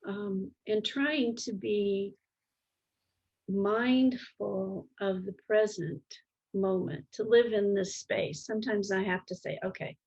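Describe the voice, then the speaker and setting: A middle-aged or older woman speaking in a calm, gentle, reflective way in an interview, halting as she searches for words. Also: medium pitch, creaky, breathy edge, highs cut off. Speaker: interview guest.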